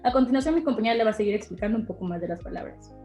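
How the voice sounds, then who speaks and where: A woman's voice: fairly high pitch, animated, very fast, warm tone. A young woman giving a class presentation, hesitant, with many fillers. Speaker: student presenter. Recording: echoey room with faint music.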